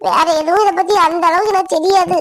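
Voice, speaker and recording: A woman's voice: extremely high pitch, fairly even intonation, fast. A woman voicing a shy, pleading college girl. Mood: timid. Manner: gentle, apologetic, pleading. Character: shy young female college student, timid and pleading. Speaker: cartoon voice actor. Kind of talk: animated village drama voicing.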